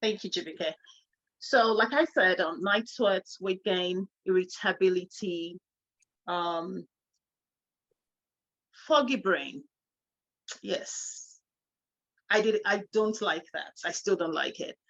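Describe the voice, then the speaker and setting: A middle-aged woman co-hosting a casual chat, telling a story in a lively way and laughing often. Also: fairly low pitch, slow, pauses often, muffled recording. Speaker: co-host.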